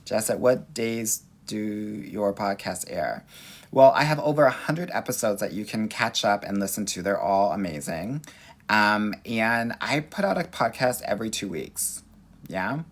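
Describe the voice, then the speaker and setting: A man with a Californian Valley girl accent hosts a casual advice livestream in an expressive, sassy, campy way. His voice sits a little low and has plenty of fry and rasp. He talks straight to his viewers like girlfriends, from a phone held at arm's length at home. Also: a little slow. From Los Angeles, United States. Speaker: dating coach and livestream host. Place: small indoor room at home.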